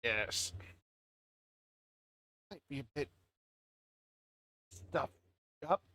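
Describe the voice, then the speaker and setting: An unhurried speaker narrating a tabletop game in a casual way. The pitch sits in the middle and the words come slowly. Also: lively intonation, sharp tone, no echo.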